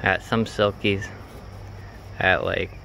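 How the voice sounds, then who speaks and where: A man's voice: low-pitched, level tone, takes it slowly, vocal fry, pushed and bright, slight background noise. A young man in his twenties chatting casually on a farm vlog, filming himself outdoors by a chicken coop on a handheld phone, rambling with fillers. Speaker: farm vlogger. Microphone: phone camera at arm's length.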